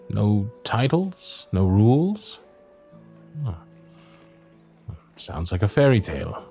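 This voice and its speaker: This man's fairly low voice is heavily acted as he plays a young royal guard knight, gentle and dutiful, in a romantic fantasy audio roleplay. Tender and charmed, he speaks with soft breathiness and courtly, formal hesitation.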